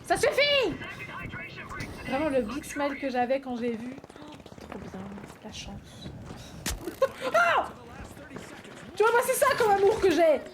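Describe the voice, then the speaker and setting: A woman's voice: high voice, unhurried, pauses often, background noise. A young woman streaming a shooter game, chatting to viewers, shrieking and swearing as she plays. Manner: excitable, shrieks and yelps during play, swears; reads chat and chats to viewers. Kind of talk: casual gaming livestream chat.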